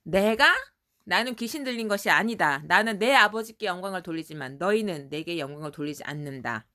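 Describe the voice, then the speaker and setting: A woman's voice: on the low side, animated, a little fast, sharp tone. A woman voicing a stern, solemn man who rebukes a crowd in a storybook retelling, firm and declaiming.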